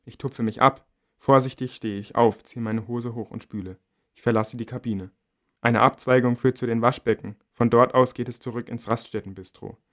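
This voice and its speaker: A man narrates a novel in the first person as an audiobook reader. His voice sits at a middle pitch, and his reading stays measured, quiet and intimate. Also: fairly even intonation.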